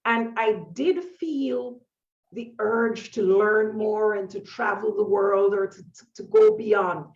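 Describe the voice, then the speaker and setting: A woman's voice: medium pitch, takes it slowly, darkish tone, lo-fi sound. Reflective woman around sixty, distant echoey sound. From Jamaica. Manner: reflective, thoughtful, with frequent fillers and restarts. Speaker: author and painter, guest. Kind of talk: conversational interview.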